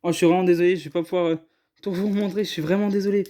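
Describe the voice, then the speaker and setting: Very fast and mellow, his high voice stays fairly even in intonation over slight background noise. He's opening trading card boxes on camera in a casual chat, often hesitating, apologizing and putting himself down.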